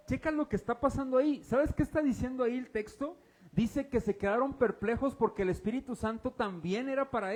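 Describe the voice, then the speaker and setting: High-voiced pastor quizzing his flock. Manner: quizzes the congregation, casual and teasing. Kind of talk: interactive sermon. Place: church service before a congregation.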